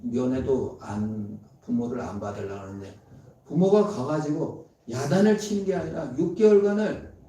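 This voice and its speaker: A man preaching a sermon as a pastor, dramatic, swinging between loud emphatic lines and hushed tender ones. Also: medium pitch, normal speed. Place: church sanctuary. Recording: very echoey, from far off.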